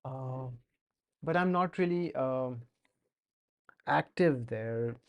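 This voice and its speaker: Taking it slowly in a mid-range voice, a young Indian-accented streamer who is learning to code chats casually during a live coding session. His speech is hesitant, with lots of fillers and restarts.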